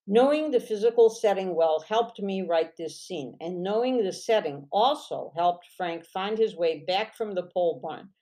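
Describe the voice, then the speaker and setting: A woman author teaching fiction writing, reading passages from her own novel aloud in a measured way and often clearing her throat. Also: mid-range voice, expressive, warm tone. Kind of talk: lesson with read-aloud novel excerpts.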